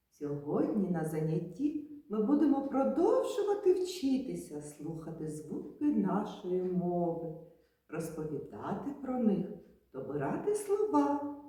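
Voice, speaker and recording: A woman from Ukraine teaches small children in a slow, carefully spaced lesson. Her voice is mellow and warm, and it rises and falls in a lively, sing-song way. She draws out and stresses words so the children can repeat them. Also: medium pitch, slightly rough. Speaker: kindergarten teacher. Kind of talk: slow, clearly articulated lesson for young children.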